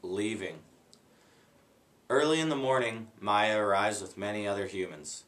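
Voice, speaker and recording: A man reads a children's book aloud at an easy, unhurried pace. His voice sits low and plain, with no performance flourishes. Now and then he stops and rereads a line he stumbled on. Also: fairly bright tone. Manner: unhurried, plain reading, stops to redo slips. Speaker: guest reader.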